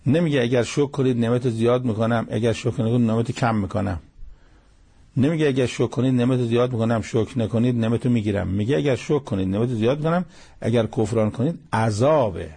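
A man's voice: mid-range voice, creaky, warm tone, husky. A man giving a religious commentary lesson, explaining each verse and repeating key phrases for emphasis. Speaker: Quran commentator.

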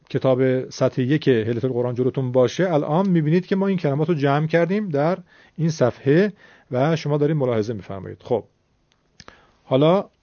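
A man's voice: on the high side, dark tone, no room sound. A man teaching a recitation lesson, explaining the rules patiently and repeating words so learners can follow. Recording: dull lo-fi sound.

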